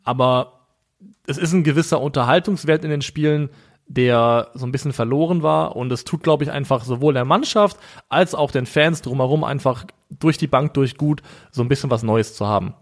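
Ruhig analysierender Mann, mittlere Stimmlage. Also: male voice, medium pitch. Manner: measured, analytical. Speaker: podcast co-host. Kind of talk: casual football analysis.

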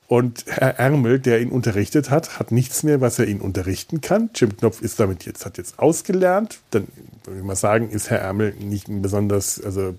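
A podcast host delivers a loose, casual film review in a dark, husky, medium-pitched voice. He rambles wryly, exaggerating repetition for comic effect, and often halts, restarts and repeats words.

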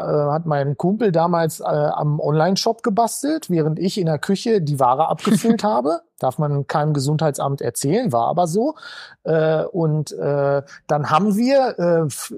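A man's voice: fairly high pitch, gravelly, a little mellow, dry recording, clean studio sound. A man talking casually as an interview guest from his shop, rambling with lots of filler sounds. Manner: rambling, many filler sounds, acts out quoted voices. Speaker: entrepreneur guest.

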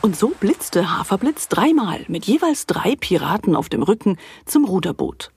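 A woman narrating a children's audio story in a playful, animated way. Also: medium pitch, normal speed, slight background noise.

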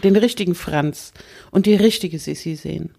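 A woman's voice: lowish voice, normal speed, creaky, mellow, breathy edge. A woman co-hosting a podcast, chatting casually in a playful, teasing way. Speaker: podcast co-host. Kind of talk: casual chat.

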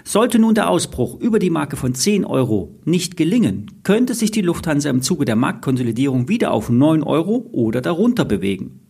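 Male financial podcast host, husky and creaky, slightly high pitch, scripted commentary. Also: very animated, brisk, few pauses, darkish tone.

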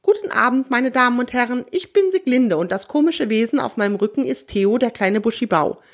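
A woman's voice: on the high side, expressive, brisk, pitched above the performer's own voice. A woman voicing a friendly, polite female carrier pigeon in a children's story, in a cheerful, announcing manner.

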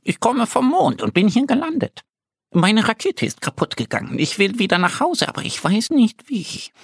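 A man doing a tiny gentle moon man. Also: brisk, gravelly, no echo, studio quality, heavily acted. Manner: soft, high storybook voice.

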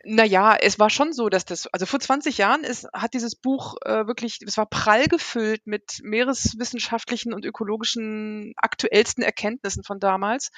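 A middle-aged woman speaks as a guest on a podcast. She is thoughtful and hesitant, often stopping to search for words. Her voice sits at an ordinary pitch, recorded dry and close. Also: fairly bright tone, dry recording. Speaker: marine biologist guest. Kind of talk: podcast interview.

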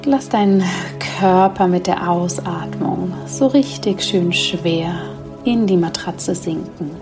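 A woman guiding a sleep meditation like a bedtime sleep story narrator, speaking softly and soothingly with long, slow pauses. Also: fairly low pitch, over music. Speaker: podcast host leading a guided sleep meditation.

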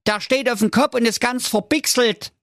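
A man's voice: very high-pitched, moderate pace, dry recording, studio quality, pitched above the performer's own voice. A man doing a frantic Saxon fairy-tale brother. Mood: agitated. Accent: Saxon German. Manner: yelling, frantic. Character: excitable male fairy-tale brother, panicky, foul-mouthed. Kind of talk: comic audio storytelling.

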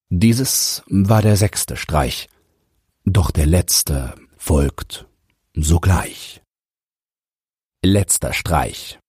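Male audiobook narrator, rhyming verse, slow measured delivery, dry close sound. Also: low voice, darkish tone, slightly rough, dry recording. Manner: measured, rhythmic verse reading. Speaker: audiobook reader and podcaster.

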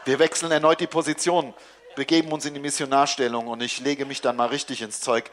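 A man reading a comic first-person story aloud in a dry, deadpan manner. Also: mid-range voice, brisk.

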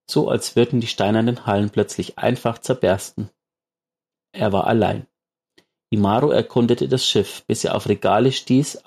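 A man narrating a story aloud in a measured audiobook reading. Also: on the low side, darkish tone.

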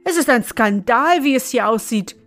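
A woman's voice: fairly high pitch, expressive, normal speed, a bit bright, soft background music. A woman voicing a fretful older councillor. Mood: indignant. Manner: complaining, plaintive. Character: fretful bewildered older male judicial councillor.

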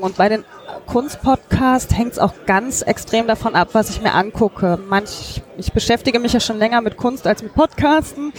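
Chatty German-speaking woman podcaster. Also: a little high. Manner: many fillers, thinking aloud. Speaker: podcaster, guest. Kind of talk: casual conversational interview. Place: busy hacker congress hall.

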